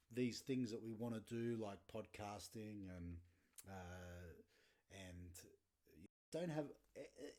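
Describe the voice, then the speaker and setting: A man's voice: lowish voice, dark tone. A man in his thirties hosting a podcast, telling blunt, sweary stories casually and laughing often. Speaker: podcast host. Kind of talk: casual storytelling monologue.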